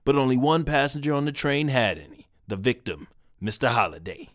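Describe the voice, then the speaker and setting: An actor playing a pompous, oblivious detective in a comedic audio drama. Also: male voice, mid-range voice, sing-song, brisk, dry recording, studio quality, lightly acted. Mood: smug. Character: pompous bumbling male detective.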